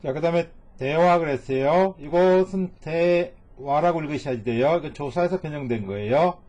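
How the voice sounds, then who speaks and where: A middle-aged male teacher with a slightly high voice delivers a recorded lesson on Japanese reading. He works through each sentence piece by piece, repeating phrases and translating them word by word in a patient, steady way. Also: normal speed, dull audio.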